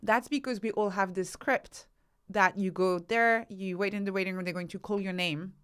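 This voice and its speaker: Her pitch is medium and her intonation fairly even, with a clear, resonant, fairly bright tone at normal speed. This researcher and author, guesting on a podcast, answers questions instructively using rhetorical questions and acted-out examples.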